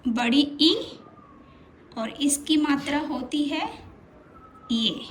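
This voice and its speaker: A woman's voice: high-pitched, very slow, slight background noise. A woman teaching a children's lesson, patient and drawing out each sound as she repeats it.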